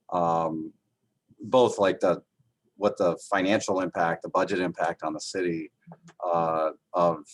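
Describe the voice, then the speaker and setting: A man with a very deep voice asks a question on a video call, stopping and restarting with many uhs and ums. The sound is close and dry, with no room around it. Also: no room sound. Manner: halting, many fillers and restarts. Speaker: session moderator.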